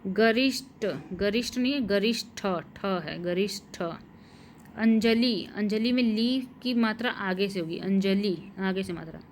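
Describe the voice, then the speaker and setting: A woman teaching Hindi spelling and grammar, slowly repeating each word and correct sentence and spelling out the vowel marks. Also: medium pitch, slight background noise. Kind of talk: slow dictation-style lesson.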